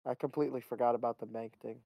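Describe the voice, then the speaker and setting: A man's voice: mid-range voice, steady tone, very fast, creaky, mellow, no room sound, poor audio. A young man co-hosting a casual podcast chat, blunt and mocking, tossing in "bro" and "like". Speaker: podcast co-host.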